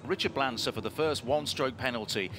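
Male golf commentator amid loud crowd noise. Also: medium pitch, brisk. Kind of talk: live sports commentary on golf.

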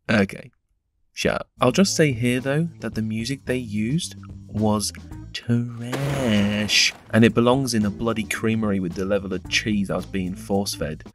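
Young male reviewer, wry, punning; low-ish voice over a faint music bed. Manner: sardonic, punning. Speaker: film reviewer. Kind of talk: scripted video-essay narration.

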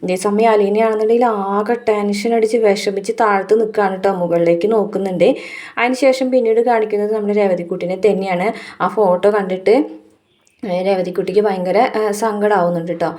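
Quick, mellow-voiced woman recapping a serial episode in a chatty way. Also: mid-range voice, fairly even intonation. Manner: ends many phrases with a tag word for the listener. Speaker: serial review narrator. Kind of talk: fast casual retelling of a TV serial episode.

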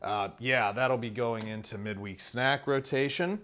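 Indoors at a table, a man who runs his own food-review channel casually walks through a spread of camping meals, full of fillers and restarts. His voice is medium-pitched and fairly bright, with a measured pace and slight background noise.

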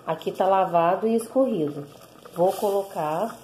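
Explaining her recipe one step at a time at a moderate pace, a Brazilian home cook speaks in a mid-range, dark voice with a Brazilian Portuguese accent. She records one-handed on her phone at the stove, chats constantly with viewers through tag questions, and there's a slight hiss or hum.

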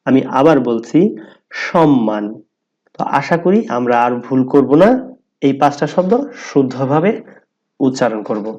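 A man giving a pronunciation lesson, explaining step by step and repeating words slowly for emphasis. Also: medium pitch, lively intonation, a little mellow, highs cut off. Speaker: teacher.

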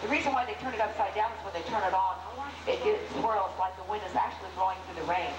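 A woman's voice: medium pitch, quick pace. A woman guiding a tram tour, chatty and joking with the riders, heard on an old home VHS tape recording. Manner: chatty, jokey, addresses the crowd as folks. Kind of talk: guided tour patter to riders. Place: open studio tram ride outdoors. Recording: echoey open-air tram tape with loud vehicle noise.

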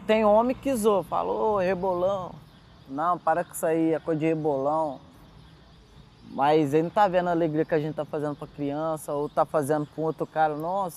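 Young brazilian guy, party train dancer, chill chatty interview, kinda high voice, faint noise behind. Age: young adult. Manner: relaxed, chatty, laughs easily. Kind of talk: casual interview.

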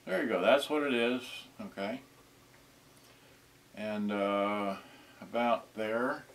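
A lowish-voiced man in his sixties handles vintage electronics for a camera a short distance away, talking casually in halting mutters to himself. The small indoor room carries slight background noise.

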